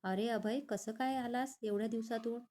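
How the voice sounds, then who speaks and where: A woman reads the lines of a young male psychiatrist in a story. He is calm but curt, scolding when annoyed. The voice sits a little high. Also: moderate pace, close to an everyday voice. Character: young man, calm psychiatrist, gruff and protective.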